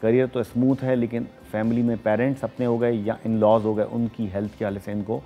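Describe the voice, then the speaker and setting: A middle-aged man with a Pakistani accent talks through horoscopes in a low, mellow voice. He explains steadily, often pausing with hesitations. Faint music plays behind him. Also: little pitch movement. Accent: Pakistani Urdu. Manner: measured, explanatory, frequent hesitations. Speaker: astrologer. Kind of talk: studio talk show reading horoscopes.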